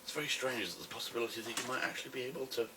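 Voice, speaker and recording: A British man with a smoker's rasp, rambling casually to camera in a wry, self-deprecating way. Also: medium pitch, fairly even intonation, very fast. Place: a room at home, alone. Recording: distant camera mic with faint noise.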